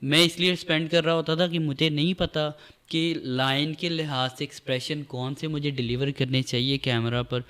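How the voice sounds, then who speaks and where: A young man talks as a guest in a relaxed conversation. His voice sits a little high and sounds bright and forward. He speaks earnestly and stresses his points, dropping a casual "bro" now and then. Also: few pauses, smooth. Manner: earnest and emphatic, calls the host "bro". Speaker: guest, social media creator and actor. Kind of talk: casual chat.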